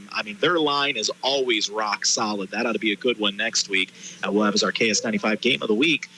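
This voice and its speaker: A man hosting a live high school sports halftime show from a booth, chatting and giving promos. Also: bright, forceful tone, slight background noise, low-quality recording. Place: stadium press booth.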